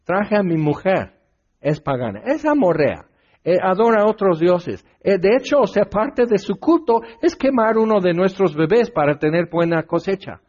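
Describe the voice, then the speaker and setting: A man's voice: sits high, very animated, normal speed, a little mellow, pitched above the performer's own voice. A preacher playing an oblivious man who cheerfully brags about his pagan wife. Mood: carefree. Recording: dull lo-fi recording.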